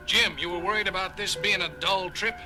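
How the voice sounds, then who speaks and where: An actor playing an irascible, sarcastic starship doctor, grumbling and excitable, in an audio drama. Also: male voice, high voice, fairly quick. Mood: agitated. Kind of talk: dramatic audio theater acting. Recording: music under the voice.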